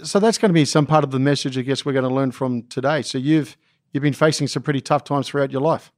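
This podcast host, a man, delivers a scripted intro and then asks his interview questions at a measured, deliberate clip. The voice is mid-range and a little mellow, captured at studio quality without any room sound.

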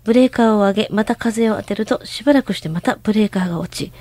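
A woman's voice: medium pitch, quick pace, warm tone. A woman co-hosting a radio show, reading a listener's letter aloud.

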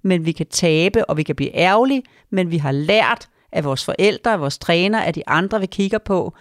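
A woman chatting casually as a podcast co-host, giving steady, practical advice. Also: on the low side, dry recording, studio quality. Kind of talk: casual chat.

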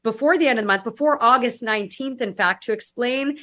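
A woman's voice: on the high side, brisk, a bit bright. Chatty woman hosting radio. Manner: sarcastic, chatty, with restarts. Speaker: radio guest host. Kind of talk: radio talk show interview.

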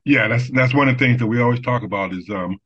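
A man talking as an interview guest, speaking haltingly with many fillers and restarts. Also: mid-range voice, fairly bright tone, husky. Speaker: business development guest. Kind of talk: casual interview talk. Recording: dull lo-fi sound.

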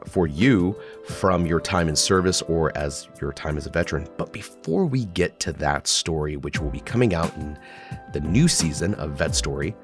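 A man hosting a podcast, congested from the flu, talking in a relaxed, friendly way. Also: very deep voice, normal speed, faint music behind. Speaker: podcast host. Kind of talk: podcast intro and interview.

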